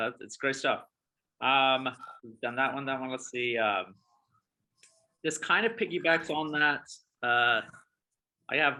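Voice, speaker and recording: A man's voice: medium pitch, bright, forceful tone. A man hosting an interview as a realtor, talking casually and hesitantly with repeated words and fillers.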